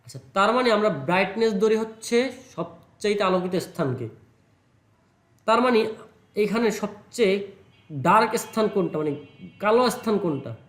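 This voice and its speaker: A man teaches a computer class in a high voice, calm and reassuring. He repeats each word slowly for his student. The classroom rings with echo. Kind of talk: patient classroom instruction.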